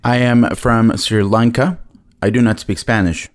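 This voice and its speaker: A man interpreting a testimony live in a church hall, measured and plain, holding a handheld mic. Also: medium pitch, steady tone.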